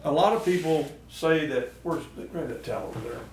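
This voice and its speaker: Guy hosting a casual how-to, bit high voice, roomy echo and some noise. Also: fairly quick. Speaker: host of a duck call show. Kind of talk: casual instructional talk. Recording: echoey noisy room, distant mic.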